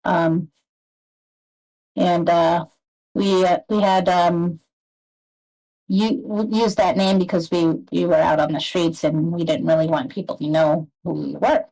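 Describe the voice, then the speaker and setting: A woman playing a bereaved horned woman in a tabletop game, speaking in a halting, hesitant way. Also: lowish voice, steady tone, creaky, warm tone, low-quality recording. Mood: guarded.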